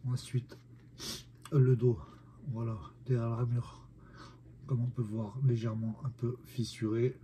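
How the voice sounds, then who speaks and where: His mid-range voice is flat, mellow and unhurried as this man, suffering from a head cold, casually unboxes a collectible figurine. He addresses viewers with many pauses and lots of "euh" fillers, and a little hiss or hum can be heard.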